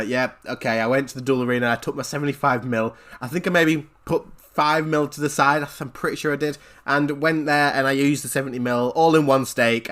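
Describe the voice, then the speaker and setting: A man, a gaming channel host, telling a story-time vlog in an animated, rambling way with repeated phrases. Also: medium pitch.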